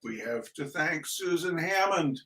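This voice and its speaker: A man with a fairly high, bright voice and lively intonation speaks a little slowly as he hosts and reads on a livestream. His introduction rambles casually, full of shout-outs and theatrical, mock-grandiose flourishes.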